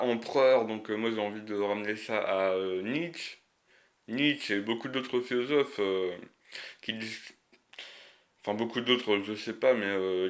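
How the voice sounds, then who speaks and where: Lisping man, low-pitched rambler. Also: fairly bright tone. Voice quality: lisp, slushy s. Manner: rambling, hesitant, frequent long searching pauses; crude slang. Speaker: video creator. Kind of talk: unscripted casual monologue.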